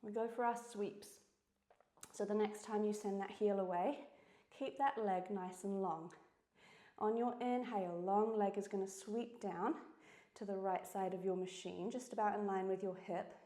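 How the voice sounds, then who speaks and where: A woman with a New Zealand accent cues exercises in a mellow, dark voice while working out herself. She is out of breath and keeps up steady encouragement. The sound carries the echo of a studio room. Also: mid-range voice. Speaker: fitness instructor. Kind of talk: workout class instruction. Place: indoor reformer studio.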